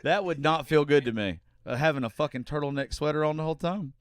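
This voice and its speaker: A man's voice: on the high side, quick pace, dry recording, clean studio sound. A man telling crude, profane stories in casual podcast chat, laughing often. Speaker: podcast host or regular.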